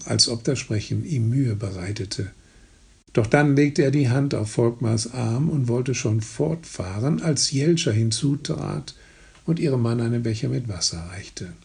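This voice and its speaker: A man with a raspy, gravelly voice reading a historical novel aloud in slow, even narration. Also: medium pitch. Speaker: audiobook narrator. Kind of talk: scripted narration.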